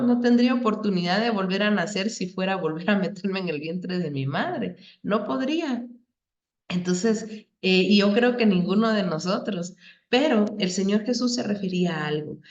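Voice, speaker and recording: A woman's voice: mid-range voice, a little mellow. A middle-aged woman teaching a Bible class, explaining patiently and asking the class questions. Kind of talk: Bible lesson. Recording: echoey room, dull lo-fi sound.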